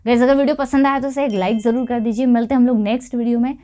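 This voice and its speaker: Higher-voiced woman teaching a lesson. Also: steady tone, dark tone. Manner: explains step by step and says each English example slowly. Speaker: English teacher. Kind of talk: online language lesson.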